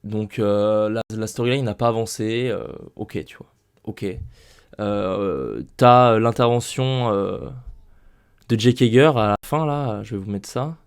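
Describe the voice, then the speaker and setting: This young man speaks unhurriedly in a smooth, lowish voice while recapping wrestling for his YouTube channel. Talking casually into a desk microphone at home, he goes on emphatic rants and repeats himself.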